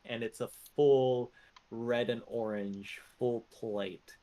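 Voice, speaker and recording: A man's voice: medium pitch, steady tone, takes it slowly, mellow. A man narrating a tabletop fantasy game as its game master, improvising descriptions in casual speech.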